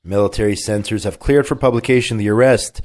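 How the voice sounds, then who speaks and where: This talk radio host, a man with a cold, speaks fairly quickly in a lowish, slightly mellow voice. He chats casually and reads news items, offering opinions and leaning on many fillers and restarts.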